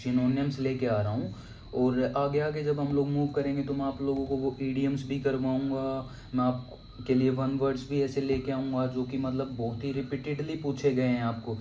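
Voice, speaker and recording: A man's voice: mid-range voice, dark tone, reverberant, a little hiss or hum, rough recording. A man teaching vocabulary for exams in a casual, chatty way. He keeps saying "okay" and builds jokey memory tricks for each word. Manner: chatty, repeats "theek hai" often, jokey memory tricks. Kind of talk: casual exam-prep lesson.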